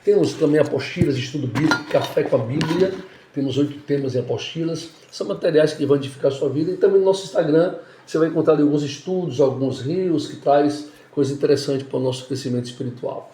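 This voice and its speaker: A man, a pastor and author who explains things in a calm, measured way as a podcast guest. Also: fairly high pitch. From Salvador, Bahia, Brazil. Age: 50s. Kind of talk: guest interview. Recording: echoey room.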